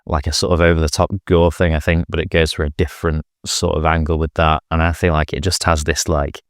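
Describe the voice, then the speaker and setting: A man's voice: rumbling low, level tone, brisk, no echo, studio quality. A man casually talking about films on a podcast, rambling with many fillers and restarts. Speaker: podcast host. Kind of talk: casual film chat.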